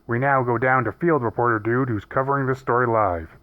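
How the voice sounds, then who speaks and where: A man's voice: medium pitch, steady tone, fairly quick, lightly acted. A man voicing a pompous male TV news anchor in an announcer cadence. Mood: formal. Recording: dull lo-fi recording.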